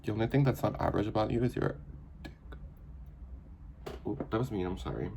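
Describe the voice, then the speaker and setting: A man's voice: fairly low pitch, a little fast, vocal fry, darkish tone, a little hiss or hum. A man in his twenties hosting a casual chat with his partner, teasing and playfully blunt. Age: 20s. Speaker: vlogger host.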